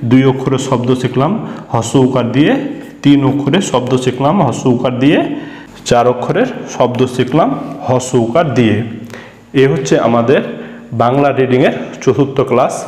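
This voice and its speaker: A man's voice: medium pitch, darkish tone. A man teaching a beginners' reading class, patiently spelling out sounds letter by letter and repeating them. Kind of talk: spelling out syllables in a reading lesson. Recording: echoey room.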